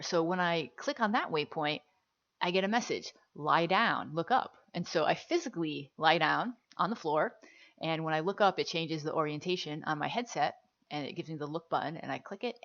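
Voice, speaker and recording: A woman's voice: deep voice, a bit bright, muffled recording. A woman casually commenting as she shows a virtual reality game, chatty and upbeat with frequent fillers. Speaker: gameplay video host.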